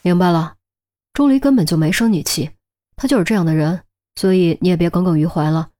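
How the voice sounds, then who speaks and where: An older male detective in a crime audiobook, calm and methodical, talking through his reasoning in a steady, lowish voice, as a woman reads him. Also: brisk, a little hiss or hum, close to an everyday voice.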